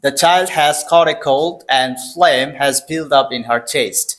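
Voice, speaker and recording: A man's voice: a little high, extremely slow, fairly bright tone. A man giving a step-by-step English vocabulary lesson, repeating words and asking himself questions as he explains. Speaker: English teacher.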